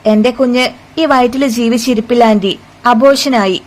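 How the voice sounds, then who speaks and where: A woman's voice: on the high side, normal speed, natural voice, poor audio. A woman doing a tearful young daughter-in-law. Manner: pleading, tearful. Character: frightened young daughter-in-law who keeps crying.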